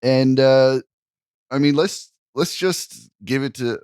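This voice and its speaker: A man's voice: mid-range voice, takes it slowly, darkish tone, clean tone, no echo, clean studio sound. A man co-hosting a comedy podcast, talking in an easygoing way and chuckling between phrases. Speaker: podcast co-host. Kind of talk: casual chat.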